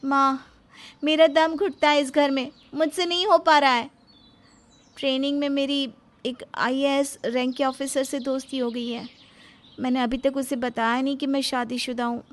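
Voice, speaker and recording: Narrator as an arrogant young lady officer, curt and haughty, high voice. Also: flat delivery, moderate pace, lightly acted. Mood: cold.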